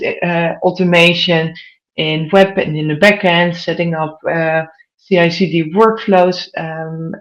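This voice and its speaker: A Dutch woman in her thirties gives an online conference presentation in a lowish voice with a Dutch accent. She speaks as a conference speaker and puts questions directly to her audience.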